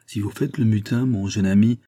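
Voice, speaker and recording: A man voicing a huge masked giant who speaks in a booming, threatening way in a storybook reading. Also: steady tone, moderate pace, mellow, breathy edge. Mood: menacing. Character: huge masked male giant, menacing and mocking.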